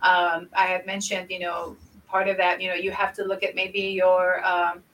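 A woman's voice: lowish voice, moderate pace, distant mic, slight background noise, low-quality recording. A woman from Lebanon co-hosting a business podcast, speaking animatedly and laughing now and then. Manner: animated, laughs often, repeats for emphasis. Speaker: podcast co-host. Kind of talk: casual business chat.

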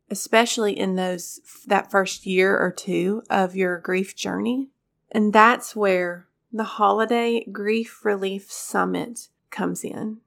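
A woman hosts a faith-based podcast in an earnest, encouraging tone. Her voice is scratchy and congested as she gets over a cold, with a gravelly fry running through it. Her pitch sits in an ordinary middle range. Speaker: podcast host.

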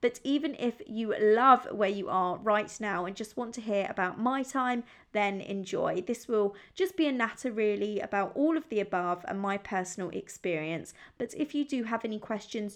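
A young Englishwoman hosts her own solo podcast, chatting in an upbeat, confiding way. Her voice is mid-range and gravelly.

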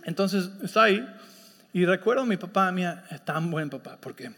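Man, pastor, high voice, conversational sermon, long hall reverb. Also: expressive, normal speed, sharp tone. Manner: conversational storytelling with frequent check-ins. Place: church sanctuary.

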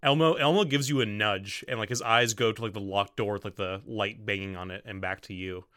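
A man's voice: fairly low pitch, a little fast, pushed and bright, dry recording, clean studio sound. A man narrating a tabletop game as game master, with lots of "um" and "like" as he describes the action. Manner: filler-heavy, describes action with "like".

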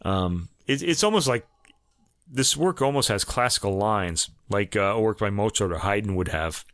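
A man's voice: on the low side, lively intonation, moderate pace, a bit bright, no echo, studio quality. Man with a New York accent. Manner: conversational, many fillers and restarts. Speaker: music review podcast host. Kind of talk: casual music commentary.

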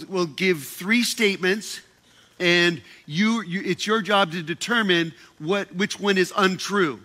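A man with a high-sitting, sharp voice jokes playfully through an informal, sermon-style talk to a group. He uses a handheld microphone and keeps repeating and restarting his words.

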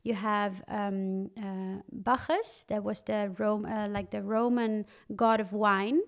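Young woman podcast guest, smooth clear tone, bubbly and chatty. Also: mid-range voice, takes it slowly. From Netherlands. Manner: animated, laughing, many fillers. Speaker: guest, wine content creator. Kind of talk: casual interview chat.

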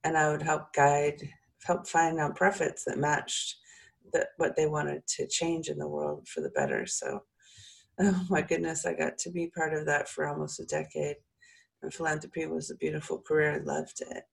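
A woman's voice: sits low, normal speed, gravelly, rough recording. A woman leading a guided meditation in an informal, soothing, encouraging way, with chatty asides.

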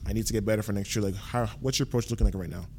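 A young man in his twenties hosts a casual sports podcast. He talks fast and chatty in a somewhat low voice, with a steady stream of fillers. Faint noise hums behind him. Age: 20s. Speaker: podcast host, athlete.

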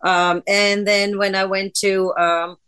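A woman's voice: medium pitch, flat delivery, slow pace, fairly bright tone, clear, resonant tone. Chatty Dutch-born woman guest. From Netherlands. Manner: chatty storytelling with fillers. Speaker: podcast guest. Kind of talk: casual interview.

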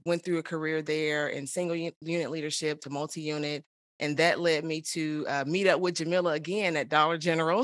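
A woman from Chicago, a podcast guest giving an upbeat, slightly halting self-introduction. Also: deep voice, a bit bright, no echo, clean studio sound.

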